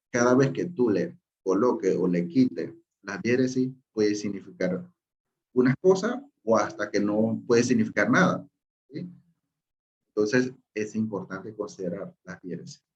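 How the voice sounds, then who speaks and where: A man gives a slow, unhurried language lesson at a medium pitch, walking through each point with patience. He keeps repeating himself and checking that his listeners follow. The recording sounds a little dull and lo-fi. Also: a little mellow. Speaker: language teacher.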